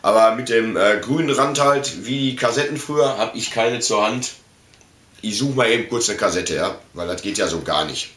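Hosting an unboxing video, this middle-aged man from Germany talks informally and slangily, wandering from point to point in a small indoor room packed with collectibles. He speaks at a normal pace in a lowish, fairly bright voice. Picked up by a camera mic, the sound has a roomy echo with slight background noise.

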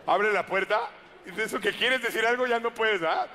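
A man's voice: sits high, moderate pace, sharp tone, slight background noise. A man with a Mexican Spanish accent doing a stand-up comedy routine, full of crude slang and acted-out quotes.

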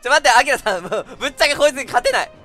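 A man's voice: very high voice, animated, rapid-fire, bright, forceful tone, soft background music. A man doing casual let's-play commentary, bantering and playfully defensive with his co-host. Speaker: game commentator.

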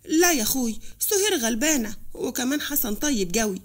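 A woman's voice: high-pitched, expressive, fairly quick. A woman voicing a pleading Upper Egyptian widow. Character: distressed Upper Egyptian widow in her thirties.

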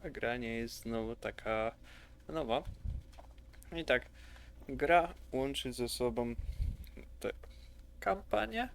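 A man's voice: medium pitch, gravelly. A man giving chatty, rambling, enthusiastic commentary over gameplay. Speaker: gaming youtuber.

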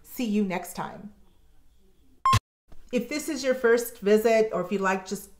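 An American woman in her forties hosts her own real estate channel and explains things to camera at her office desk. She talks in a measured, informative way and slows down on key words. Her mid-pitched voice carries a noticeable room echo from the webcam mic. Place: home office, indoors.

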